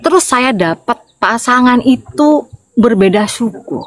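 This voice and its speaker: A woman's voice: fairly high pitch, measured pace, low-quality recording. A woman from Madura with a Madurese accent, giving an informal, chatty sermon that keeps calling out to her listeners for responses. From Madura, Indonesia. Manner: lively, chatty preaching with call-and-response to listeners. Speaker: evangelist.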